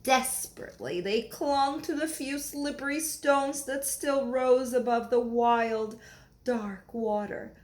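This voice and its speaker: Slow, higher-voiced woman reading a storybook. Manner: deliberate, explaining words to children. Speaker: read-aloud teacher. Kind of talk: expressive children's storybook read-aloud.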